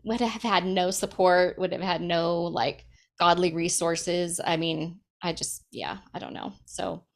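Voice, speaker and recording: A woman's voice: lowish voice, measured pace, gravelly. A woman in her thirties sharing a personal testimony in casual chat, emotional, laughing often and filling with "like". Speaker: guest.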